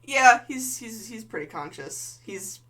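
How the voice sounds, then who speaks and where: A woman's voice: on the high side, expressive, measured pace, a bit bright. A woman improvising tabletop game narration as game master, in a vivid, casual, sweary manner.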